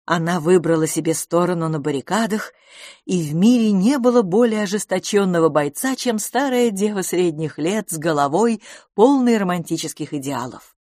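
A woman narrating a humorous novel with an expressive, animated reading. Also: lowish voice, normal speed, no room sound, clean studio sound. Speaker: audiobook narrator.

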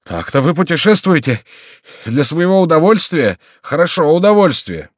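A man's voice: fairly high pitch, big pitch swings, normal speed, no echo, studio quality, pitched above the performer's own voice. A man doing a whining, breathless monk. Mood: panicked whining. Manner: whining, complaining. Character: plaintive, cowardly monk on a donkey.

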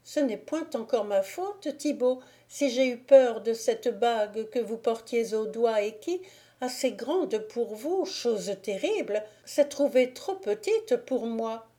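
Woman reading as a gentle innocent young woman. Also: a little high, expressive, takes it slowly, pitched above the performer's own voice. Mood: earnest. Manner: soft and gentle. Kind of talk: audiobook character reading.

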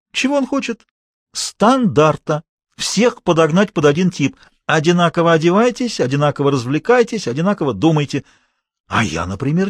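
A man's voice: a little high, no echo, studio quality. A man voicing an ironic, self-assured teenage dandy who speaks defiantly.

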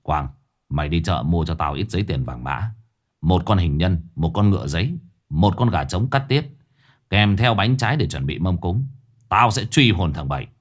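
A man voicing a stern, gruff old male exorcist who speaks low, grave and curt. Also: animated, normal speed. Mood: commanding.

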